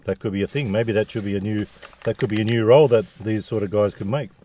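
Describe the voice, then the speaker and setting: Low-voiced Australian man, casual and jokey. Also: fairly even intonation, fast talker, mellow, a little hiss or hum. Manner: jokey, slangy. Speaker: food review vlogger. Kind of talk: casual chat to viewers.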